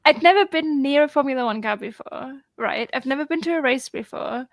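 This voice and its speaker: Woman on a video call, excitable and rambling, slightly high, gravelly. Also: fairly quick, no echo. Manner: excitable, rambling, lots of fillers. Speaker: guest on a group video chat. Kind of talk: casual chat.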